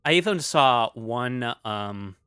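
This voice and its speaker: A man's voice: mid-range voice, animated, slow, pushed and bright, clear, resonant tone, no room sound. Man, streamer, rambling chat, lots of ums, lingering cough, dry close mic. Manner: rambling, reads chat aloud, many fillers. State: still coughing after illness.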